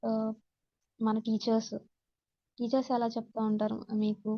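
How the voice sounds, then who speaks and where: A woman with a Telugu accent lectures as if in a classroom, reading out points and explaining them at normal speed in a high-leaning monotone. She mixes in English terms, and the dry recording sounds dull and muffled.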